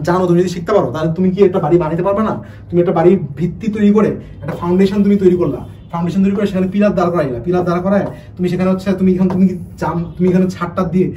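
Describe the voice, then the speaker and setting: Recorded from a distance in low quality, with a faint hum beneath, a man teaches admission-test English online. His mellow, fairly high voice rushes along, stumbling through restarts and rhetorical questions to his students.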